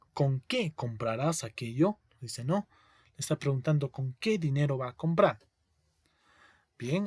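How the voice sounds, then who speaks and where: A male teacher giving a spelling lesson, explaining slowly, repeating each word and checking in with his students. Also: fairly high pitch, no room sound.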